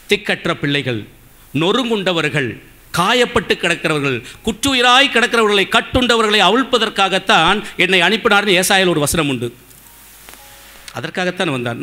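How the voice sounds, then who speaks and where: High, bright-voiced man preaching a sermon. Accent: Tamil Nadu. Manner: emphatic, repetitive, asks the congregation rhetorical questions. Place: church service.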